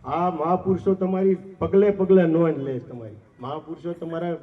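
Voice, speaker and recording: A man's voice: on the high side, steady tone, moderate pace. A man giving an impassioned festival sermon as an ashram trustee, exhorting his listeners with rhetorical questions and acting out quoted voices. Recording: distant voice on a tinny phone-like line.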